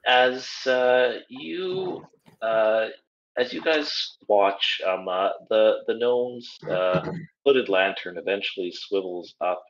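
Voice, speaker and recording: A man's voice: sits low, fairly bright tone. A man narrating as game master, hesitant and full of ums and restarts. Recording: dull lo-fi audio.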